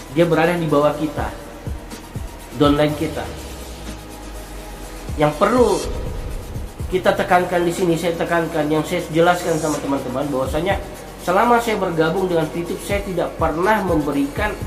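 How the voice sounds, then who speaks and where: A man explaining something to viewers in a monologue, speaking deliberately in halting phrases and repeating words for emphasis. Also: on the high side. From Indonesia. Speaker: online content creator. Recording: roomy echo with music behind. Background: music.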